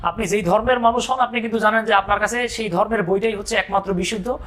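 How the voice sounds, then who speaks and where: A man's voice: high voice, quick pace, a bit bright. A man from Bangladesh teaching an English grammar lesson, explaining step by step and breaking in with joking asides and questions to his students.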